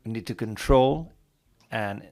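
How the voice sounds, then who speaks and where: Earnest young man, gravelly. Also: on the low side, slow pace, dark tone. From Peru. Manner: earnest, academic. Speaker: audience member asking a question. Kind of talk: formal question from the floor.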